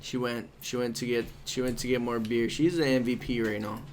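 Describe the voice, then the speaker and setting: A man's voice: mid-range voice, level tone, brisk. A man bantering like a frat bro in casual podcast chat, slangy and profane. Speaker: podcast co-host.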